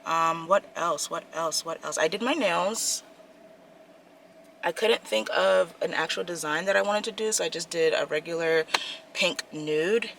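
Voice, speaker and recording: A young woman from the Washington DC area talks to her vlog camera from her parked car, chatty, rambling, and self-mocking. Her voice is on the low side, gravelly, a bit bright and a little slow. The camera mic picks up slight background noise.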